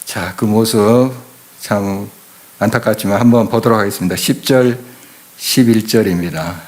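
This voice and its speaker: A middle-aged man preaching in a church, speaking emphatically and often turning to his listeners with questions. His voice sits on the low side, and he delivers the sermon with steady conviction. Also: normal speed. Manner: emphatic, rhetorical questions to the congregation. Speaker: pastor. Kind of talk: expository sermon. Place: church sanctuary.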